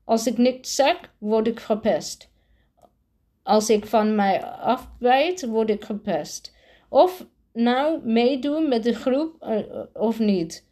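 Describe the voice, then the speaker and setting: An indignant young schoolboy in a storybook, protesting loudly that he is bullied, as a woman reader puts him on. Her dark, mellow tone comes through, pushed higher and louder in protest. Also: slow. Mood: upset protest.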